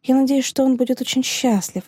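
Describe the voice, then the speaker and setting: A woman's voice: high-pitched, fairly even intonation, a little fast, husky, no echo, clean studio sound, voice pushed up. A woman voicing a heartbroken, resolute teacher. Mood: sorrowful, resolute. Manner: trembling, hushed, then firm. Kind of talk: audiobook dialogue reading.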